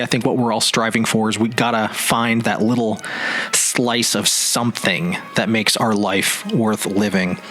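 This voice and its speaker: Music plays behind a male podcast host recording solo in his home office. His medium-pitched voice is a bit bright, and he rambles in a casual, reflective way, frequently hunting for the right word.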